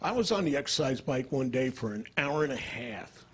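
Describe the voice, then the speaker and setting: An older man performing stand-up comedy into a stage microphone, deadpan and dry, jumping into character voices. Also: medium pitch, moderate pace, husky.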